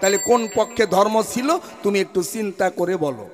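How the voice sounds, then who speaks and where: A man's voice: sits high, animated, normal speed, long reverb tail, soft background music. A man with a performing a stage folk verse debate, declaiming in rhyme and breaking into song. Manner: declamatory, rhyming, slipping into song.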